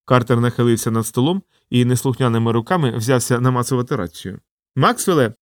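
A man reading an audiobook as scripted narration, in an even storytelling manner. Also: mid-range voice, fast, no room sound, clean studio sound. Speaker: audiobook reader.

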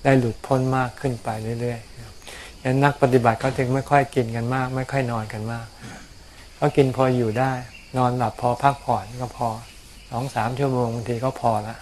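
A man, a Buddhist monk, answering questions about practice in a calm, explanatory way, often repeating words. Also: mid-range voice, slight background noise. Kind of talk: casual dharma Q&A. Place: outdoors on a mountain.

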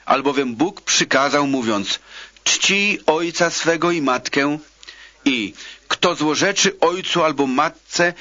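A man reading scripture aloud in a slow, measured, solemn way. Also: on the high side, bright, forceful tone, no room sound. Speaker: Bible reader. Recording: dull lo-fi dry recording.

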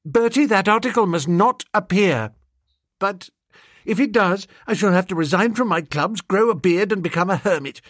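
A man doing a quivering, melodramatic young gentleman. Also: animated, moderate pace, no echo, studio quality. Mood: anguished. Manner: high, breathless, quivering pleading.

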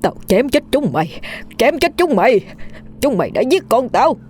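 A woman's voice: on the low side, fast talker, a little mellow, natural voice. A woman voicing a grief-stricken old village father, wailing and sobbing as she tells a horror story. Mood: raging.

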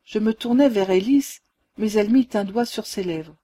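A woman reading a ghost story aloud as a calm, measured narrator. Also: mid-range voice. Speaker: audiobook reader. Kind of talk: scripted narration.

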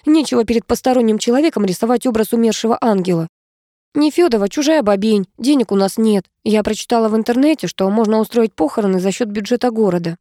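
Brash young blonde read by a woman, high and pushy, blurting, dry close sound. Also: mellow, dry recording, natural voice. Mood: indignant. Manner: blurting, rapid, scornful.

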